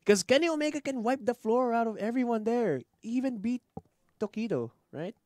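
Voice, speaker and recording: A young man, co-hosting a casual wrestling chat show with lively banter. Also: very high-pitched, no echo, clean studio sound. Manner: animated, quick back-and-forth banter with bursts of laughter. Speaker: podcast co-host.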